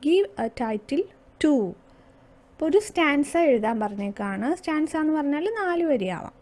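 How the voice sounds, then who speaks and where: High-voiced Malayali teacher explaining slowly. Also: female voice, animated, a little mellow. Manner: patient, slowing down to read English lines aloud; asks questions then answers them herself. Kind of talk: explaining a primary school English lesson.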